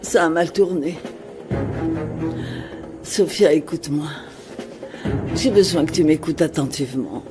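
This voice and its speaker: A wealthy middle-aged matriarch, calm, formal and firmly in charge. She delivers her lines in measured, deliberate phrases with music playing clearly behind her, as in a dubbed drama. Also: low-pitched. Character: wealthy mother, composed and authoritative.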